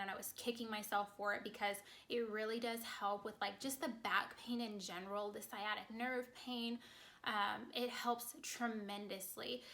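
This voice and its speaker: A woman talks to her viewers in a quick, chatty vlog, her voice a little raised in pitch and notably bright. She sounds congested and slightly out of breath as the words tumble out fast. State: short of breath. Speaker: vlogger. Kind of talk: casual chat to camera.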